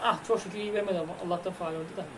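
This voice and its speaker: A young man commenting on his own football game play, with frustrated and excited outbursts. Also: sits high, racing, crowd noise, poor audio. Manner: shouting, frustrated, emotional outbursts. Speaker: gaming streamer. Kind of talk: excited live gameplay commentary.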